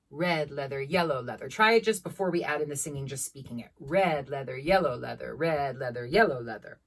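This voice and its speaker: A woman voice teacher leading a singing warm-up, demonstrating each exercise by singing and then explaining it plainly. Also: low voice, far from the mic. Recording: loud piano under the voice. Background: piano accompaniment.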